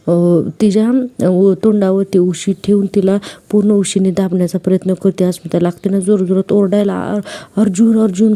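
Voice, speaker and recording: A woman's voice: on the low side, warm tone. A woman casually retelling a TV serial episode and talking straight to her viewers. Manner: chatty, addresses viewers directly. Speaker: TV serial recap YouTuber. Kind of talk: casual episode recap narration.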